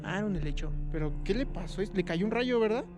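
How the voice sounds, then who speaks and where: A man's voice: high-pitched, expressive, fast. A man with a Mexican accent vlogging casually on a night walk outdoors, chatty and slangy, with frequent exclamations. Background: music.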